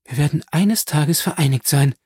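A man's voice: medium pitch, animated, measured pace, vocal fry, darkish tone, dry recording, clean studio sound. A man reading an audiobook, voicing a pious young woman in despair who pleads fervently and through tears. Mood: pleading, tearful.

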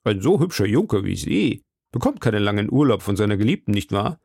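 A man's voice: lowish voice, sing-song, fairly quick, gravelly, a little mellow, slightly rough, no room sound, clean studio sound, exaggerated voice. A man reading an audiobook who voices a timid, fretful middle-aged shopkeeper with a nervous, fawning manner. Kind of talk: audiobook character voice.

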